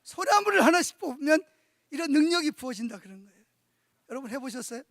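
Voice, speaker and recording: Male pastor, middle-aged, very high voice, dry close sound, animated sermon storytelling, questions thrown to the congregation. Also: quick pace, no room sound. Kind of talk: sermon at a church conference.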